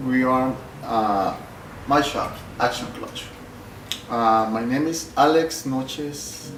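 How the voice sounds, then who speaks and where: A man's voice: mid-range voice, slow, background noise. A middle-aged man from El Salvador, a shop owner answering interview questions in a plain, hesitant way with many fillers. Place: clutch workshop. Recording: roomy sound from a distant mic, music behind.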